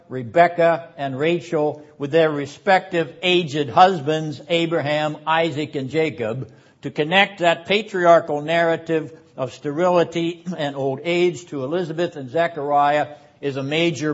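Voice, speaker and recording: A man preaching a Bible lecture in an emphatic, deliberate way with sarcastic asides. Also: a little high. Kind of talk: sermon-style Bible lecture. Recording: dull lo-fi recording.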